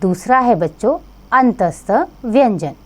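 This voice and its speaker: A woman teaching a grammar lesson to children, addressing them directly and sounding out each letter slowly. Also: mid-range voice, expressive, a little mellow.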